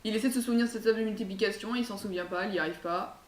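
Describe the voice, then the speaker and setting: A woman's voice: mid-range voice, racing. A woman telling a folk tale in a casual, chatty way, full of hesitant fillers and asides. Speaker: storyteller. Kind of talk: casual oral storytelling. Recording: echoey room, far mic, faint hiss.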